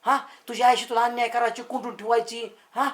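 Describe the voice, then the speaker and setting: A cocky lovesick village lad, highish voice, all swagger. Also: male voice, level tone, fast talker, fairly bright tone. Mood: sweet-talking. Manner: brash, boastful, rustic banter. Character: brash lovesick village wrestler, young man. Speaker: lovesick suitor. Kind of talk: village comedy acting.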